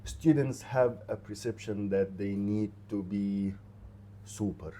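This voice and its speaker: A university representative whose native language is Arabic gives students conversational advice during an interview. He speaks haltingly, repeating short phrases for emphasis, in a fairly low, warm voice.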